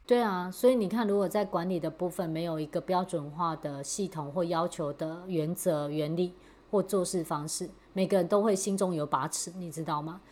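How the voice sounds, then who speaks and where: A woman's voice: fairly low pitch, brisk, darkish tone. A woman hosting a podcast, explaining points and steering the talk with rhetorical questions. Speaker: podcast host. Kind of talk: casual podcast discussion.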